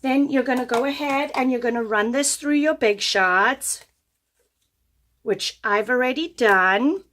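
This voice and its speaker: This is a craft tutorial in which an American woman, her voice fading, chattily explains each step of a paper craft at her table. She sounds high, unhurried, and fairly bright.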